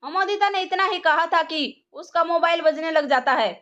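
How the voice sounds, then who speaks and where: A woman narrating a scripted audio drama story in a steady, dramatic way. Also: extremely high pitch, moderate pace, dull audio.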